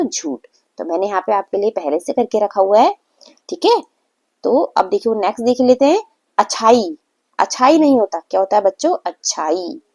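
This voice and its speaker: A young woman teaching a grammar lesson to children, patient, repeating words slowly and often checking in with the class. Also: mid-range voice, dark tone. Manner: frequent "theek hai" check-ins.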